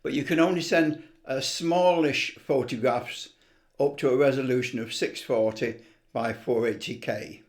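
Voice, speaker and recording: Working through an unscripted screen tutorial, this CB radio hobbyist and amateur presenter talks to himself and rambles a little in a casual way. He speaks at medium pitch and unhurried.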